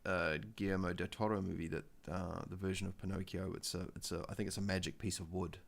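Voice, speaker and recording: Speaking into his desk mic, a New Zealand-accented man runs a laid-back livestream in a rambling, stop-start way packed with fillers. His voice sits low and creaky, barely shifting in pitch.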